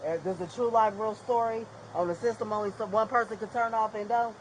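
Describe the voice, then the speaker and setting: A distressed, defiant woman shouting and swearing outdoors at a house, caught on a police body camera. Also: on the high side, fairly even intonation, fast talker. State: distressed, crying out. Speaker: detained woman in police bodycam footage. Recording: loud noisy outdoor bodycam audio.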